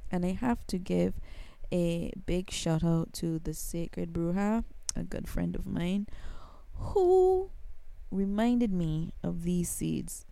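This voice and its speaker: A woman's voice: on the low side, animated, takes it slowly, vocal fry, mellow, no echo. A woman from Barbados with a Barbadian accent, talking casually to her viewers about spiritual practice, chatty and full of ums. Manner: chatty, addresses viewers as guys, many ums. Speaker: spiritual vlogger.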